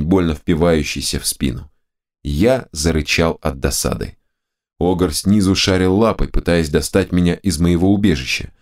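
A man narrating a first-person fantasy audiobook with expressive storytelling. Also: sits low.

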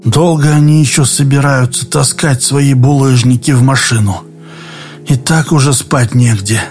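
A man's voice: medium pitch, moderate pace, a little mellow, faint music behind, close to an everyday voice. A man voicing an exhausted, drowsy male explorer who speaks sluggishly. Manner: sluggish, weary.

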